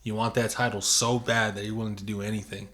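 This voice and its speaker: A man's voice: fairly low pitch, level tone, quick pace, fairly bright tone. A man co-hosting a podcast in casual chat, with a blunt, slangy way of talking full of swearing. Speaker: podcast co-host. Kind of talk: casual chat about wrestling.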